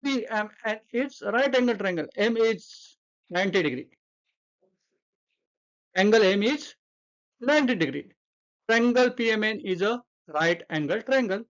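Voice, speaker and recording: An Indian-accented woman teaches a math class and walks through each step with patient repetition. Her delivery is extremely slow and deliberate. The recording sounds muffled and lo-fi. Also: medium pitch, lively intonation. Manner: explains slowly step by step, repeats terms, mixes English and Hindi.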